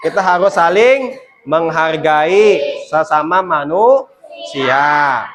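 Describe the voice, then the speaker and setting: A teacher giving a classroom lesson, quizzing the pupils with quick questions and explaining each answer. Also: medium pitch, animated, a little hiss or hum. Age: adult.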